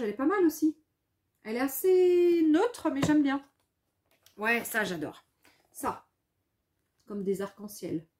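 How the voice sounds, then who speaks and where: High-pitched woman, slow and chatty, craft haul vlog, thinks out loud. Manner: chatty, thinks aloud, repeats words, reads English labels slowly. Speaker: scrapbooking vlogger. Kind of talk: casual haul chat, showing products.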